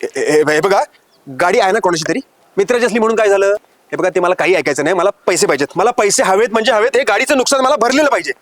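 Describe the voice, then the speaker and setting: A man's voice: high voice, animated, very fast, dry recording. A man with a Marathi accent acting in a village serial, scolding hard about a damaged car. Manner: shouting and scolding, then apologetic. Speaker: angry driver. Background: background music.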